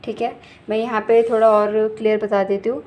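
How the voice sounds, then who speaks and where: A woman English teacher explaining grammar in a casual, patient way, often checking in and correcting herself as she goes. She slows right down to read out the English example sentences. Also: mid-range voice, level tone, a little mellow. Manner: slow, deliberate reading of English example sentences; frequent "ठीक है" check-ins and self-corrections.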